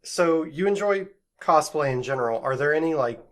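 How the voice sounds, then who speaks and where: A man hosting a podcast, asking relaxed questions with some hesitations and fillers. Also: a little high, normal speed. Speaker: podcast host. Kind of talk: interview questions.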